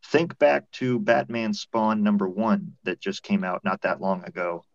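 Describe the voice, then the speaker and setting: A man speaking over a video call, with a low voice and a dry, muffled sound. He walks through his argument step by step in a casual debate tone. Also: steady tone, unhurried, creaky, dry recording. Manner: explains points step by step, argumentative. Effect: heard over a video call.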